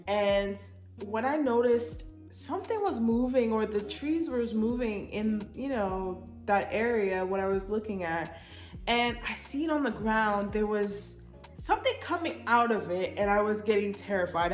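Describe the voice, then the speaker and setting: A young woman from Canada, chatty and animated, telling a story in a vlog. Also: medium pitch. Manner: animated, chatty, often breaks into laughter. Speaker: vlogger. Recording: echoey room.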